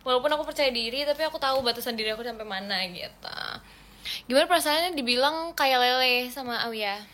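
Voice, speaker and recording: A woman's voice: high-pitched, quick pace, a bit bright. A young woman from Indonesia hosting a casual livestream chat with her viewers, playful and pouty, mixing in English phrases. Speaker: idol livestream host.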